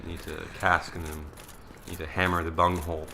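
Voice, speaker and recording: A man's voice: low-pitched, flat delivery, brisk, vocal fry, noisy background. A young man commentating a video game with a friend, casual and rambling, often frustrated and swearing. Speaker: let's play commentator. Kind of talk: casual gaming banter.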